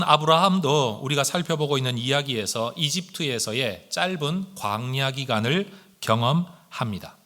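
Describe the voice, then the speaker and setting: In his Sunday morning sermon, a male pastor with a fairly high, bright voice speaks earnestly and straight to the congregation, using rhetorical questions. His accent is standard Korean, with regional intonation surfacing whenever his speech speeds up.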